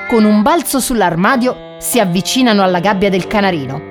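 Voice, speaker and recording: A woman narrating a children's storybook in an expressive, animated way. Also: medium pitch, brisk. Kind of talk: storybook reading. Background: background music.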